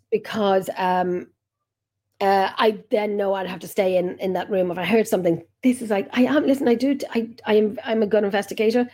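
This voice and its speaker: A woman with an Irish accent and a mid-range, dark-toned voice hosts a casual video-call chat. She's a podcast host and paranormal investigator, a chatty storyteller who rambles through long tales and keeps cutting herself off.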